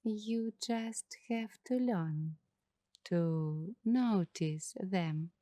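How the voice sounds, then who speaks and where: A woman acting as an ASMR host offers meditative narration in a soft, hushed, partly whispered mid-range voice. She speaks in short phrases separated by long pauses, and the recording is dry.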